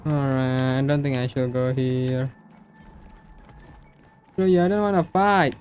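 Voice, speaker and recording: A man's voice: medium pitch, fairly even intonation, unhurried, darkish tone, faint music behind. A man with an Indonesian accent giving casual commentary as he livestreams a game. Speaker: streamer playing a game.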